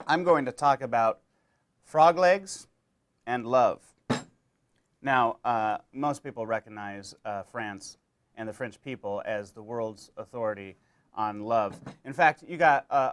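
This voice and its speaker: A young adult man hosting a mock-educational comedy monologue, rambling and deadpan with many fillers. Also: medium pitch. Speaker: comedy show host.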